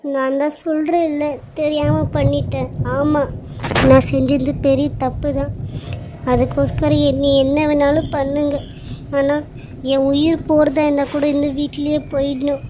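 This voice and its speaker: A woman's voice: high voice, level tone, unhurried, noisy background. A woman voicing a young daughter-in-law in a cartoon serial, pleading and whiny. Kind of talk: Tamil cartoon serial voice acting.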